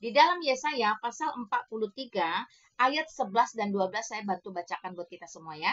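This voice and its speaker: Bright-voiced woman apologist, lo-fi. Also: mid-range voice, a little fast. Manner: emphatic, rhetorical questions to the audience; mixes in English words. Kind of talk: apologetics monologue to viewers. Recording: dull lo-fi recording.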